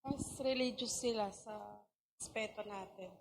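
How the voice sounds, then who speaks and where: A woman in the audience giving brief, hesitant answers to a speaker's questions. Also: fairly high pitch. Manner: hesitant, halting replies. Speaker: audience member. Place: meeting hall. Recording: distant in a reverberant hall.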